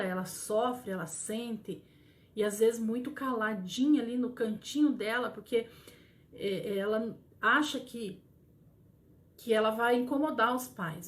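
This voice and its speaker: Earnest Brazilian woman, gentle live talk. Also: a little high. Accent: Brazilian Portuguese. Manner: gentle, earnest, with many pauses and restarts. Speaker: grief counselor for mothers.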